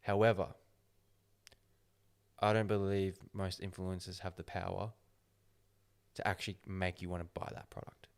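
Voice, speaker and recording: A man hosting a casual podcast chat, talking slowly and deliberately as he gives his opinions. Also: low-pitched, flat delivery. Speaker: podcast host.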